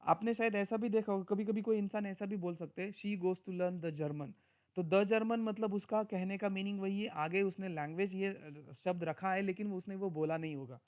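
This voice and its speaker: A man teaching grammar in a recorded lecture, explaining step by step, speaking example sentences slowly and often checking in with his listeners. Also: high voice, a little mellow. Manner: mixes Hindi and Marathi with English.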